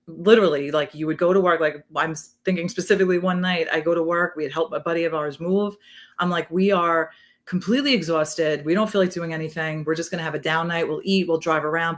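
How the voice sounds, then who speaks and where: A middle-aged woman with a New York accent, a retired police detective telling animated stories in a casual interview, with a lot of "like". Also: fairly low pitch. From South Queens, New York City. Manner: animated, fast, peppered with "like".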